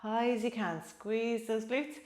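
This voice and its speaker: A woman's voice: a little high, steady tone, unhurried, a little mellow. A middle-aged woman working as an aerobics instructor, coaching a home workout with encouraging short cues and countdowns while exercising herself. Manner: exerting while demonstrating exercises. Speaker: fitness instructor. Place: small indoor home gym. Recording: echoey small room, distant camera.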